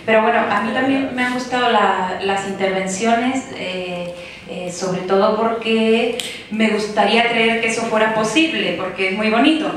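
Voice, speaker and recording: A woman's voice: fairly high pitch, normal speed. A woman researcher asking a hesitant question from the audience in a university lecture hall. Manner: hesitant, many fillers. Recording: echoey hall from far off, faint noise.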